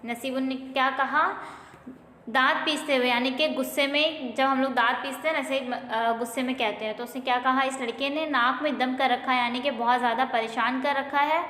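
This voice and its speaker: A woman's voice: sits high, steady tone, normal speed, a bit bright. A woman teacher who reads a school play aloud and explains each line simply, repeating it for young pupils. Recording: roomy with long reverb.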